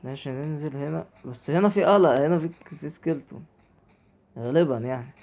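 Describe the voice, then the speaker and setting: A man's voice: on the high side, fast talker, gravelly, highs cut off. A man with an Egyptian Arabic accent giving chatty let's play commentary, talking to himself and his viewers as he plays. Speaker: gaming YouTuber.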